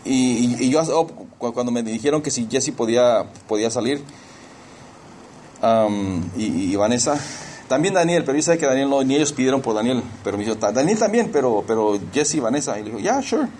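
A man's voice: medium pitch, fairly quick, darkish tone, a little hiss or hum. A middle-aged man preaching a sermon in a conversational way, slipping into English phrases and often restarting his sentences. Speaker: pastor.

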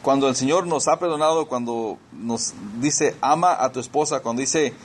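A man's voice: mid-range voice, normal speed, a little hiss or hum. A pastor preaching a sermon. He explains scripture verse by verse, repeats key words for emphasis, and speaks directly to his congregation as brothers and sisters.

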